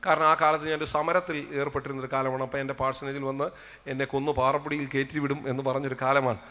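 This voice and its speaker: A male pastor preaching a sermon to a congregation, with a Kerala Malayalam accent, swinging between loud exclamations and soft asides. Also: medium pitch, level tone, rapid-fire. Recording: long hall reverb.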